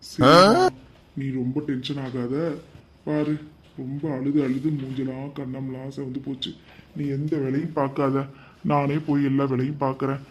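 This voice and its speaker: A man's voice: medium pitch, fairly even intonation, normal speed, slightly rough, close to an everyday voice. A man voicing a harried young husband in a cartoon, pleading with his quarrelling mother and wife. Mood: soothing. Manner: pleading, placating, soothing. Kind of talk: cartoon comedy voice acting.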